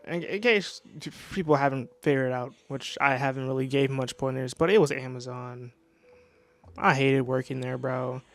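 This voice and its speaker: Nineteen-year-old male vlogger, rambling slangy storyteller, voice a bit high, dry room. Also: no room sound. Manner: rambling, many restarts, slangy "bro". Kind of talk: casual storytime monologue. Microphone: new desk microphone.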